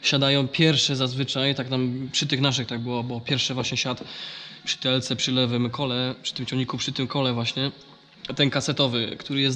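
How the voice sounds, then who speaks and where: A male vlogger with a mid-range, slightly bright voice explains farm machinery in a relaxed, hesitant vlog style. His voice is nasal and congested from a blocked nose.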